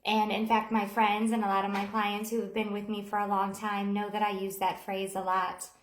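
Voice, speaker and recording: A woman's voice: mid-range voice, monotone, normal speed, reverberant, a little hiss or hum. A woman in her forties talking candidly to camera in a casual motivational vlog from a home office. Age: 40s. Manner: earnest, candid storytelling. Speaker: motivational speaker.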